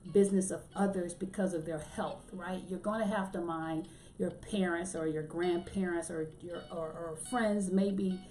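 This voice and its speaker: A woman hosting her own podcast in a casual, humorous way, with light filler words and lively asides to the listener. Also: fairly low pitch, moderate pace, echoey room. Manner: chatty and humorous, acts out quotes with a raised voice. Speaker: podcast host. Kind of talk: casual solo podcast talk.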